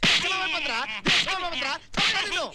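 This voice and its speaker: A bossy young man who bellows insult after insult at clumsy recruits. His voice sits very high and piercing for a man and scolds in rapid bursts. The film soundtrack carries clear background noise under him. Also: animated. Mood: scolding. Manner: scolding, rapid-fire insults, repeated outbursts. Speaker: comic lead in a film. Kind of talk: 1990s film comedy acting.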